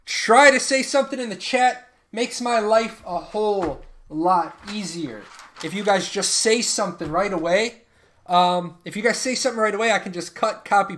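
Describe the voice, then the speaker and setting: A man's voice: high-pitched, fairly bright tone. A man in his thirties hosting a live stream, chatting casually and joking with viewers while running giveaways. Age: 30s. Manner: joking, banters with chat.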